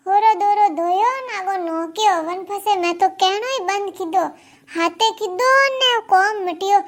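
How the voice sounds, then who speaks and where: Cartoon old Marwari granny, played by a woman, piercingly high voice, endlessly grumbling about her family. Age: older. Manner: complaining, scolding. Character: grumbling old grandmother with four sons. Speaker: cartoon character. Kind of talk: cartoon comedy dialogue.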